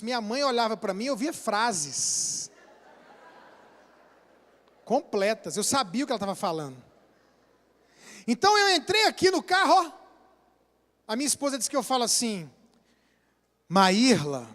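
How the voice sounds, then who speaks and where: A man with a Brazilian Portuguese accent, a pastor preaching a sermon in a church hall, acting out little scenes as he talks. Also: very high-pitched. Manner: animated, acts out little scenes and quotes.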